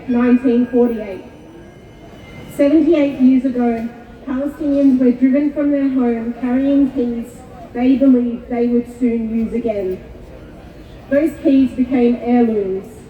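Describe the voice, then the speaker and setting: A woman's voice: on the high side, slight background noise. Solemn woman speaking at an outdoor rally. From Kuwait. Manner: measured, solemn delivery. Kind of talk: prepared speech at a rally. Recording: echoey far-off PA with tinny sound.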